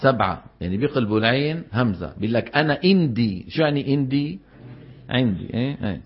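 A man teaching Quran recitation to a class, explaining in casual dialect and chanting example words slowly. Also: medium pitch, lo-fi sound.

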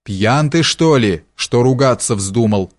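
A man reading an audiobook, voicing a curt, gruff forester who speaks slowly. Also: medium pitch, expressive. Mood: stern.

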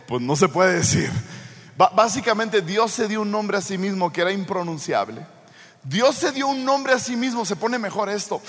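A man's voice: high voice, a bit bright. A man preaching a sermon, telling the story with humorous asides and building to fervent proclamation. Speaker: pastor. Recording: long hall reverb.

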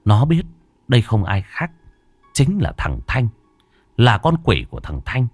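A man narrating a horror story in a dramatic, drawn-out storytelling manner. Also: medium pitch, huge pitch swings, no echo, soft background music.

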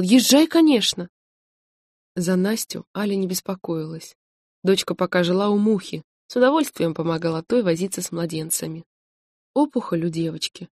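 A woman reading a novel aloud in a steady, measured narration. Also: fairly low pitch, no room sound, clean studio sound. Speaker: audiobook narrator. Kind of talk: scripted narration.

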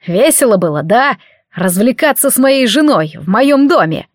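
A woman's voice: on the high side, big pitch swings, moderate pace, no room sound, clean studio sound. A woman voicing a cruel, vengeful male count who sneers and threatens. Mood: sneering menace. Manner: sneering, menacing.

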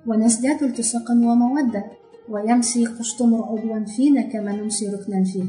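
Woman audiobook narrator, measured literary reading; soft music behind, echoey room. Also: fairly high pitch, steady tone. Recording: roomy echo, faint background music.

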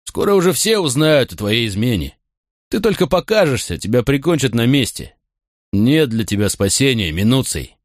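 A man's voice: mid-range voice, sing-song, normal speed, dry recording, voice pushed up, natural voice. A man voicing a stern, angry Roman centurion who speaks in blunt, harsh commands. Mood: furious.

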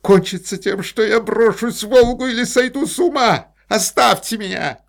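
A man's voice: lowish voice, steady tone, normal speed, breathy edge. A man voicing an irritable, moody painter in an audiobook, speaking in exasperated, peevish outbursts. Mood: frantic. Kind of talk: audiobook character voice.

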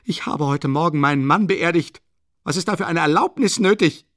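A shrill frantic proud widow, super high and loud, dry audiobook sound. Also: male voice, normal speed, dry recording. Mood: shrill indignant. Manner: haughty, shrieking, breathless outbursts.

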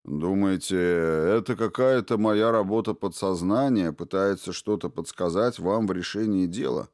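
A man voicing an evasive male fund official who answers questioning with indignant, smooth denials. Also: deep voice, moderate pace, darkish tone, no room sound, studio quality. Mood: defensive.

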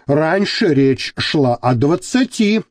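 A man reading an audiobook, voicing a calm, scheming male accomplice who speaks measured and persuasive. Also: a little high, no room sound, studio quality.

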